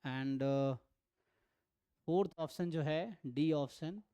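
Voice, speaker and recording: A man's voice: on the high side, warm tone, clear, resonant tone, no room sound. Man teaching statistics in Hindi and English. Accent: Indian English. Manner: mixes Hindi and English, reads questions out slowly, repeats phrases with "है ना". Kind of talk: online exam-prep lecture solving past questions.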